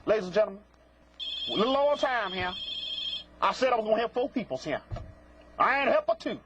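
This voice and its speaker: Sing-song and brisk, this high-pitched man runs a live call-in psychic show, scolding prank callers with sassy theatrics, folksy slang and repeated catchphrases. The lo-fi broadcast is muffled, carrying clear noise and clicks.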